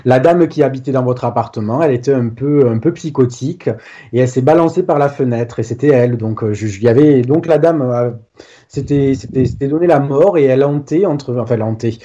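A man's voice: mid-range voice, brisk, dark tone. A man telling a personal ghost story in a casual, hesitant way, full of restarts and fillers. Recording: dull lo-fi sound.

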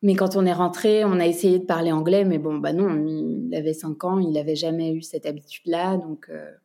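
A woman's voice: low-pitched, fairly even intonation, a little fast, vocal fry, dark tone. Hesitant chatty French woman. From France. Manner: hesitant, many fillers and restarts, laughs often. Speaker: podcast guest, entrepreneur. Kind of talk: casual chat.

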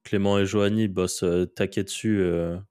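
A man co-hosting a podcast, speaking in a relaxed, casual way with short interjections. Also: low-pitched, moderate pace, smooth. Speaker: podcast co-host.

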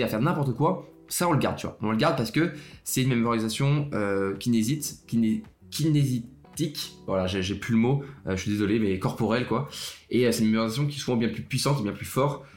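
A man's voice: fairly low pitch, fairly quick. A young man hosting a casual student podcast, talking straight to the listener in a chatty way, often restarting his sentences. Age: young adult. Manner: chatty, speaks directly to the listener, hesitant restarts. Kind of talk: casual solo podcast talk. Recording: roomy echo with faint music.

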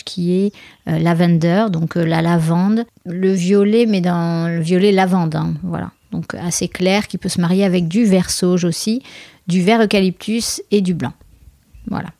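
Wedding planner lady chatting away, lots of euhs, soft warm low voice. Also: dry recording, clean studio sound. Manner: chatty, many fillers, quick asides. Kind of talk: casual podcast talk.

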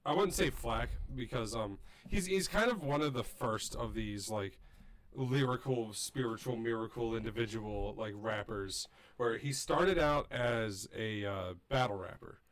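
A man's voice: mid-range voice, a little slow, low-quality recording. A man co-hosting a podcast, explaining music casually in an enthusiastic, rambling way. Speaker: podcast co-host.

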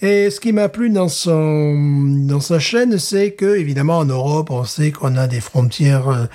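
A man co-hosting a casual chat, talking in a relaxed way with frequent hesitations and repeated words. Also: fairly high pitch, a little slow. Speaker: podcast co-host.

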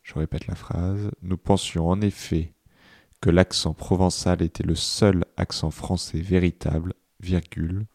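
Man, very low voice, dark tone, slow careful dictation reading, punctuation spoken aloud. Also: level tone, creaky, no echo, studio quality. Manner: slow, deliberate, repeats phrases and speaks the punctuation. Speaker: dictation reader.

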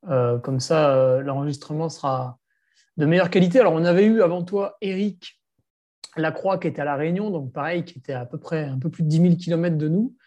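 A man's voice: on the high side, brisk, a little mellow, lo-fi sound. A man hosting a podcast, asking chatty questions in a remote interview. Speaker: podcast host.

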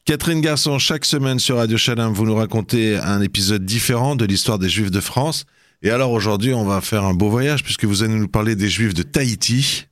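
Brisk radio host, a man with a low voice. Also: dry recording, clean studio sound. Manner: brisk, teasing. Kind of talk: radio interview.

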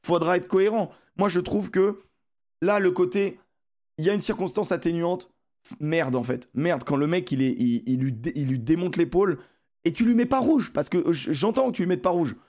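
Animated man arguing sports calls. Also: high voice, normal speed. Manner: animated, argumentative, swears freely. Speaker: podcast host. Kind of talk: casual sports debate.

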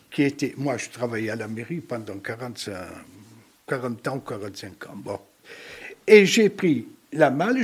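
Older male guest, husky and upbeat, a lively teller of band anecdotes. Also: on the high side. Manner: lively, jovial storyteller. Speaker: longtime band member, guest. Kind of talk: casual reminiscing.

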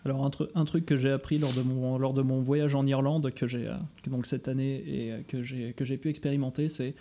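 A man from France chatting on a podcast, halting often with fillers and restarts. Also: mid-range voice, flat delivery, dark tone, a little hiss or hum. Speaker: podcast host interviewed about his music shows. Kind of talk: casual podcast chat.

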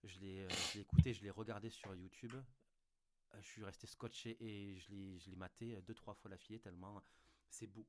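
A man's voice: on the low side, fairly even intonation, moderate pace, background noise. A man with a Lot-et-Garonne accent, co-hosting a casual music podcast, hesitant with many fillers. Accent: Lot-et-Garonne (southwest France). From Lot-et-Garonne, France. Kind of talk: casual chat.

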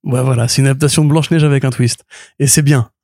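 Fast-talking man with a mellow voice. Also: mid-range voice, steady tone, no room sound, clean studio sound. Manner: rambling, many restarts and fillers, enthusiastic. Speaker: podcast co-host. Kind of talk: casual chat reviewing comics.

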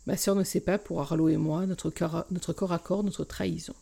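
Gravel-voiced woman hosting a book podcast. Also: lowish voice, steady tone, moderate pace. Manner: warm confiding, frank. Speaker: podcast host. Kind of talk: book review and read-aloud.

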